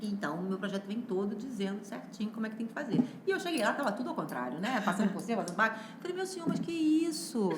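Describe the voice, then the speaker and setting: A woman's voice: medium pitch, animated, racing, few pauses, reverberant, noisy background. A woman, a guest architect on a podcast, telling stories casually and acting out other people's voices.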